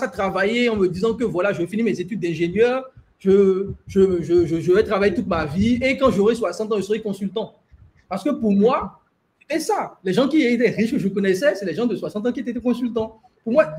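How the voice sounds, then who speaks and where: A man's voice: high-pitched, darkish tone, a little hiss or hum. A man talking animatedly in a group discussion, telling stories with many restarts. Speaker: host. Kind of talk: enthusiastic discussion.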